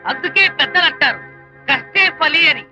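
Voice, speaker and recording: A teasing, preachy friend. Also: male voice, very high-pitched, expressive, fairly quick, over music, rough recording. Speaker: friend of the hero. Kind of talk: film comedy dialogue.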